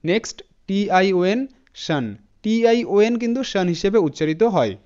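High, clear-voiced male English teacher. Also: animated, a little mellow, highs cut off. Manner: spells words letter by letter and repeats them slowly; addresses students directly with frequent "thik ache" checks. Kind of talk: spoken classroom lesson.

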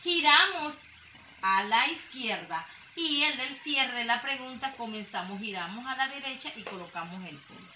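A woman's voice: a little high, pushed and bright. A woman teacher giving a lesson to young children, patiently repeating each point. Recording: echoey room with faint noise.

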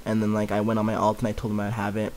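A man's voice: on the low side, completely flat delivery, racing, a little mellow, slight background noise, low-quality recording. A young man giving casual gameplay commentary for his channel, rambling with "like" everywhere and chuckling often. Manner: filler-heavy rambling, "like" everywhere. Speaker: gaming YouTuber.

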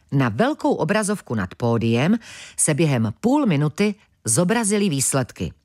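A woman narrating a children's audiobook in a lively, expressive storytelling manner. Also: very deep voice.

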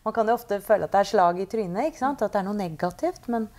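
A woman's voice: mid-range voice, darkish tone. A woman client reflecting thoughtfully and hesitantly with fillers. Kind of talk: reflective conversation.

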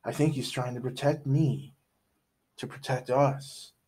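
A man's voice: mid-range voice, measured pace, mellow, slightly rough. Earnest anxious boy , man reading, hesitant, near the narrator's own voice. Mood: worried.

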